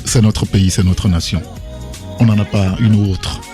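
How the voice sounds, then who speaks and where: A man's voice: fairly low pitch, steady tone, measured pace, over music. A man from Togo with a Togolese French accent, hosting a morning radio interview in a chatty, emphatic way. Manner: chatty, emphatic, tags questions with "hein". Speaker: radio host.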